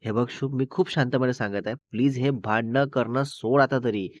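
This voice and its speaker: A man's voice: medium pitch, steady tone, moderate pace, dry recording, close to an everyday voice. A man putting on a firm, caring young woman. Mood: pleading. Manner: scolding, pleading. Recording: dull, dry recording.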